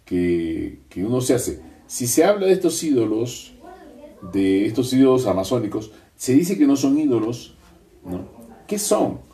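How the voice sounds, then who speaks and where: A man from Peru with a mellow, darker voice, heard a little far from the microphone. He talks reflectively, adding ironic asides and checking in with his partner with tag questions. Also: mid-range voice, very animated, unhurried. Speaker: co-host. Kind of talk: conversational commentary.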